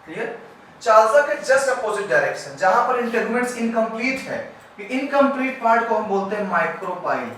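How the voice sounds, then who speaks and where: A man's voice: extremely high pitch, big pitch swings, a little fast, distant mic. Male teacher in a very echoey room. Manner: explains step by step, asks "clear?" often; loud when explaining, quiet and trailing off while drawing. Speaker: biology teacher. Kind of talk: classroom lesson at a board. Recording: very echoey room, voice off-mic, faint background hiss.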